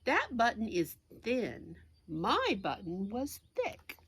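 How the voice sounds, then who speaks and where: A woman's voice: a little high, huge pitch swings, slow pace, a bit bright, breathy edge, heavily acted. A woman voicing a grumpy, fussing male toad from a children's storybook, complaining emphatically. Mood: exasperated.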